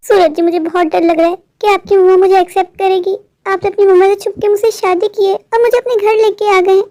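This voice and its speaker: A woman's voice: extremely high pitch, fairly even intonation, a little fast, mellow, no room sound, studio quality. A woman voicing a timid, anxious cartoon bride. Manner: nervous and pleading. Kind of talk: cartoon voice acting.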